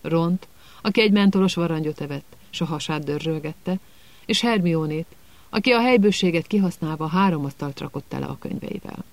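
A man reading a storybook aloud in measured scripted narration. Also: on the high side, creaky, no room sound. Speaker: audiobook narrator.

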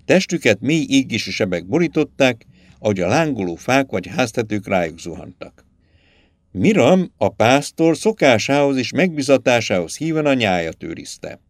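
A man reading a dark fantasy tale aloud, with scripted, dramatic narration. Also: mid-range voice, very animated, dry recording, studio quality. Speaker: audiobook narrator.

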